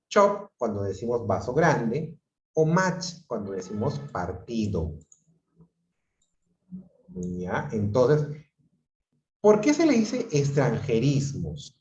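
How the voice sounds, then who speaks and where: A man's voice: medium pitch, darkish tone. A man teaching an online class, explaining patiently and often checking in with his students. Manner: explanatory, asks the class frequent checking questions. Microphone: computer mic on a video call. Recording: dull, roomy video-call audio.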